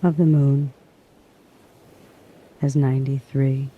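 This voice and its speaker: A man narrating a guided sleep hypnosis in a hushed, soothing manner, in drawn-out phrases with long pauses. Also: mid-range voice, little pitch movement, narrow, tinny audio, slight background noise.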